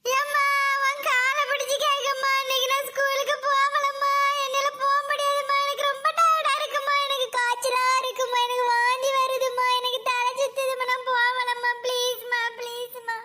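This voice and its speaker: A woman voicing a little schoolgirl in a comedy cartoon who schemes to skip school, pleading and whining in a drawn-out way. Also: extremely high pitch, flat delivery, bright, forceful tone, faint music behind.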